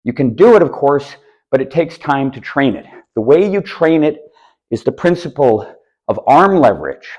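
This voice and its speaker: A man's voice: mid-range voice, very animated, normal speed, darkish tone, low-quality recording. A man teaching disc golf technique, explaining casually while demonstrating throws. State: a bit out of breath. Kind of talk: instructional demonstration. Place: outdoors on a course.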